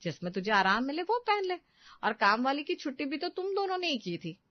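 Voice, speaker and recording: A woman's voice: high voice, big pitch swings, brisk, no room sound, voice pushed up. A woman voicing a fussy, caring middle-aged mother-in-law who coaxes and scolds in a dull, dry recording. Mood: fussing. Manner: coaxing, scolding.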